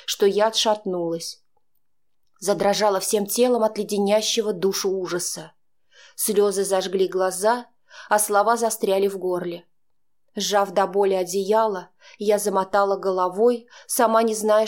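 A woman narrates a dramatic first-person audiobook at a mid pitch. Her storytelling is measured and steady, carrying tension without rushing.

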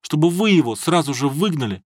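A man's voice: a little high, lively intonation, a little fast, dry recording, studio quality. A man voicing a naive, earnest young male student who pleads and blurts out whatever he thinks, in an audiobook. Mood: pleading.

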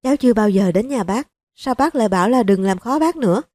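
A woman voicing a hot-tempered male police chief who speaks bluntly and forcefully, in an audiobook reading. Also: on the high side, lively intonation, fast, no room sound, pitched above the performer's own voice. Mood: firm.

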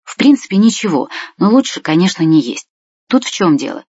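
Brief: old grandfather, put on by the storyteller, tired and gentle, sighs a lot, husky tone, dull lo-fi sound. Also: mid-range voice, sing-song, fairly quick, dry recording. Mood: weary. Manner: weary, sighing.

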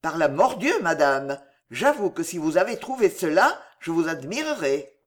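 In an audiobook, a woman reader plays an impulsive, fragile young king who speaks low at normal speed with lively, swinging intonation. Full of boyish enthusiasm, he bursts into eager exclamations like an excited child.

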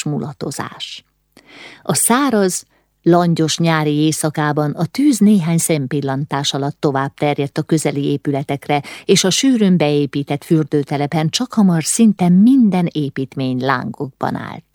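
A woman's voice: low voice, a little mellow, dry recording, studio quality. A woman reading a novel aloud as an audiobook narrator, voicing the dialogue with urgent, rising lines in tense moments. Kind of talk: scripted narration.

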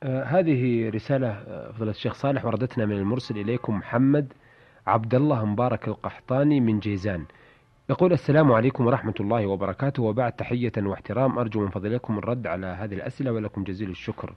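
A man's voice: lowish voice, very fast. A man hosting a radio programme, courteously reading out listeners' questions in formal Standard Arabic. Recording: dull lo-fi radio recording.

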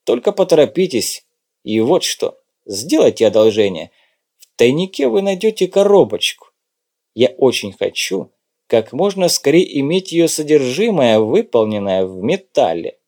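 A man reading an audiobook, voicing a brisk, curt undercover agent. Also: medium pitch, big pitch swings, warm tone. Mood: tense. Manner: brisk, clipped, occasionally snappish. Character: cool, curt male undercover agent in his prime.

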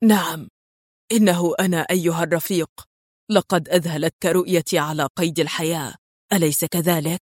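A cold, menacing man speaks low and mocking, put on by a woman narrator. The reading is dry and close to the mic. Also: steady tone, a little fast, darkish tone, no room sound, lightly acted.

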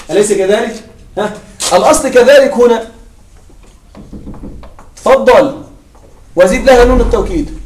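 High-voiced male grammar teacher, echoey room. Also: a little hiss or hum. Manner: asks the class questions and answers them himself; repeats key points slowly for emphasis. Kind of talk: classroom grammar lesson. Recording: echoey room, mic at a distance.

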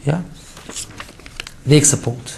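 A man's voice: medium pitch, drawn-out words, gravelly, mellow, reverberant. A man giving an informal religious lecture as an Islamic preacher, talking colloquially and emphatically, with rhetorical questions and mocking asides.

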